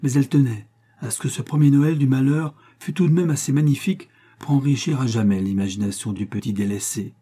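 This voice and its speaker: A man reading a literary tale aloud in a measured, expressive storytelling manner. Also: mid-range voice, husky. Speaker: reader. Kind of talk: scripted narration of a literary tale.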